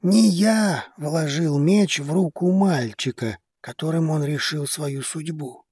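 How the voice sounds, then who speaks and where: A man's voice: a little high, slow pace, husky, no echo, clean studio sound, pitched above the performer's own voice. A man playing a stern old head of a noble house who speaks curtly and strictly. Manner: stern, curt.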